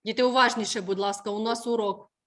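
A woman teacher running a lesson with a brisk, instructive manner, stretching out words as she dictates them. Her voice sits fairly high for a woman. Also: fairly even intonation, a bit bright. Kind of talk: online school lesson.

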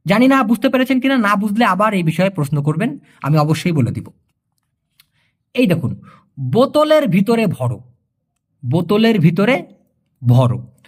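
A man with a fairly high, lively voice that rises and falls a lot. He teaches in a casual video lesson, repeating each phrase and checking that the listener has understood. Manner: explains each word slowly, repeats phrases and asks if it is clear; jokes with the viewer. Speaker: language teacher.

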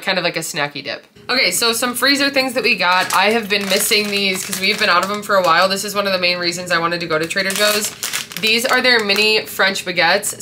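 Bright-voiced young woman chatting a grocery haul. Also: medium pitch. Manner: chatty, lists nutrition facts in a steady rhythm. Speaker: fitness vlogger. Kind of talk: casual grocery haul review. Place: living room at home.

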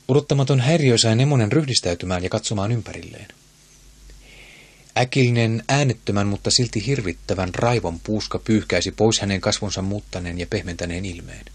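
A man narrating an audiobook in a steady, measured manner. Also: on the low side, husky, no room sound. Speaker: audiobook reader. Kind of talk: scripted narration.

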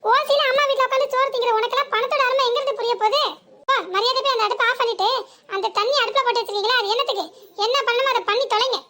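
A woman voicing a sharp-tongued young village wife in a comic cartoon, with a southern Tamil village accent and a scolding, sarcastic manner. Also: extremely high pitch, rapid-fire. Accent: southern Tamil village dialect. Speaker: cartoon character.

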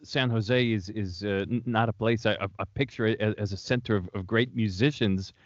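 A male interviewer with a somewhat low voice asks questions haltingly, repeating words as he restarts. The sound is dry, with no room echo, and dull as over a call. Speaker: podcast host. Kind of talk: interview conversation. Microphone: remote video call.

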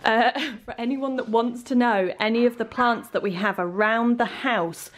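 A young woman chatting her way through a home tour, playful and lively, her voice jumping up in pitch now and then. She holds the camera herself as she walks through small, bright rooms. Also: moderate pace. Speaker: lifestyle vlogger giving a home tour. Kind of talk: casual home tour vlog. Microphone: handheld camera filming herself as she walks.

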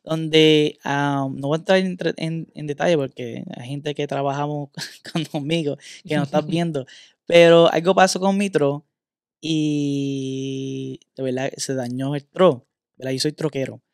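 A man's voice: fairly high pitch, steady tone, a little slow, clean tone, dry recording, studio quality. Man telling a candid story. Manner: candid storytelling, mixes in English words. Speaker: podcast host.

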